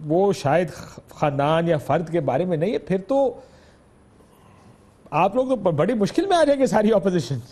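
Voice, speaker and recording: A man hosts a political talk show on television and puts pointed questions to his guest. His voice is high-pitched, and he pushes back on the guest's answers. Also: expressive, dark tone, slightly rough. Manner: pressing, challenging questions. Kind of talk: political TV interview.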